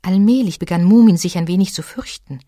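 A woman reading a children's story aloud in an expressive way. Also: lowish voice, a little fast, dry recording, studio quality.

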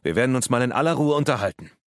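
A man voicing a commanding male police detective who talks briskly. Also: medium pitch, expressive, dry recording, studio quality, pitched above the performer's own voice, close to an everyday voice.

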